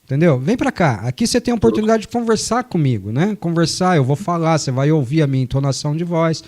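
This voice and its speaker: A man's voice: on the high side, animated, fast talker, a little mellow. A man hosting a radio sports show, chatting casually, joking and reading listener messages. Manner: chatty, joking, long explanations. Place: radio studio.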